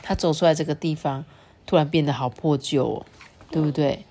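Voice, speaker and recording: A Taiwanese-accented woman with a fairly low voice reads a storybook to her child. Her telling is expressive, with big dramatic pitch swings, and she keeps checking in with questions. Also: brisk, slight background noise. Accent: Taiwanese Mandarin. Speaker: parent reading a picture book to her child. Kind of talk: storybook reading with chatty commentary.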